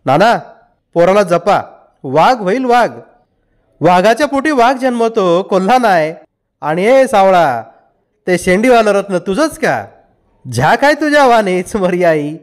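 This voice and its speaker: A man's voice: sits high, very animated, unhurried, voice pushed up. A man doing a mocking, joking village horseman. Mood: teasing.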